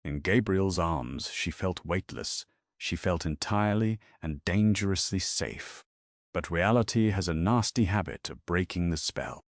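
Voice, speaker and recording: A man narrating a romance story in a measured, dramatic way. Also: sits low, lively intonation, no echo, clean studio sound.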